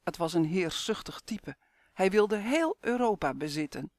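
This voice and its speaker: A man reading a children's story aloud in steady, clear scripted narration. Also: sits high, a little slow, no echo, clean studio sound.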